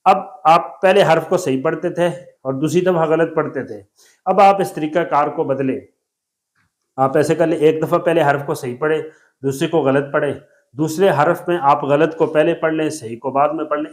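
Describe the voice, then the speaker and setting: A man with a Pakistani Urdu accent teaching Quran recitation, drawing out single letters slowly and explaining patiently. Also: a little high. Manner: slow drawn-out letter demonstrations, patient explaining. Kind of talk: explanatory tajweed lesson.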